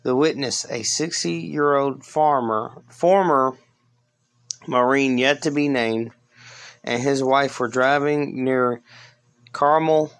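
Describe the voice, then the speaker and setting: A man reading scripted narration as a podcast host, with casual asides and halting stumbles that he corrects. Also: mid-range voice, steady tone, a bit bright, smooth. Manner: halting, stumbles over words and corrects himself.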